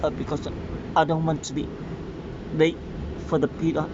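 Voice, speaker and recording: A vlogger giving live spoken commentary in halting, fragmented phrases. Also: mid-range voice, flat delivery. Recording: dull audio, loud vehicle noise.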